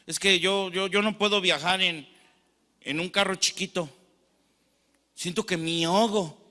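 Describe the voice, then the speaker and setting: A preacher playing a panicked claustrophobe. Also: male voice, high-pitched, steady tone, unhurried, bright, forceful tone, long reverb tail, pitched above the performer's own voice. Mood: panicked pleading. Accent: Mexican Spanish. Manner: pleading, breathless, rising into cries. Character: panicky claustrophobic adult begging to get out.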